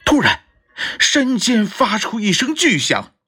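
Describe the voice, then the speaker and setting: A slow, unhurried storyteller reads a picture book for children. The voice is soft and breathy and rises and falls a lot. Faint music plays underneath. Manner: slow, gentle, lively pitch with voiced characters.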